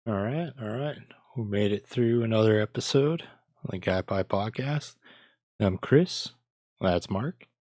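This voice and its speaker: A man with a low voice hosts a casual gaming podcast. He chats in an easygoing way, close and dry on the mic. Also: unhurried, a little mellow, dry recording. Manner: easygoing, wraps up the show. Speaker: podcast host. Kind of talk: casual chat.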